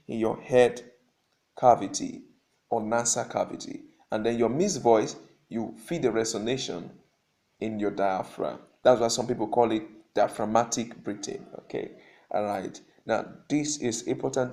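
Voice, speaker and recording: A man's voice: medium pitch, gravelly, dark tone. A man coaching singers through breathing exercises while seated, giving instructions with frequent check-ins like "okay?". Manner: instructive, repeats points, asks "okay?". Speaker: vocal coach. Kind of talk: spoken singing lesson.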